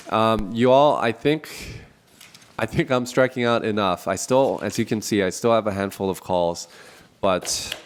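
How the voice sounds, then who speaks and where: A man hosting a casual podcast from a small office, talking in a nasal, stuffy voice, chatty and self-deprecating, laughing often. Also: on the low side. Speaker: podcast host. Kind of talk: casual solo podcast talk with phone calls.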